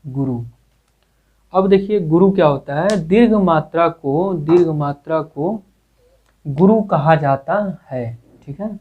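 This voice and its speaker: Guy teaching grammar, slow and repetitive, keeps quizzing then answering himself, tinny phone-like sound. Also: on the high side. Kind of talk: grammar lesson.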